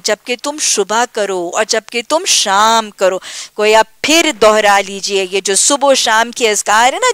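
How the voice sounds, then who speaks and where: A woman with a Pakistani Urdu accent giving a Quran lesson, earnest and emphatic, slowing down for Arabic recitation. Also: a little high, a bit bright, clear, resonant tone, no echo. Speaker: Quran teacher.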